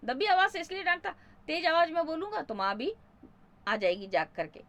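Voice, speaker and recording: A middle-aged woman teacher with a high voice reads a story to schoolchildren. She gives the characters' lines a lively read, then goes back over each passage in plain, simple words. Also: a little fast. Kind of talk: reading a story aloud and explaining it for school pupils.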